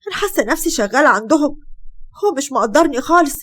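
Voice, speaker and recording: A woman's voice: sits high, animated, fast. A woman voicing a young Egyptian wife, worn down and aggrieved, speaking in a pleading tone. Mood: hurt.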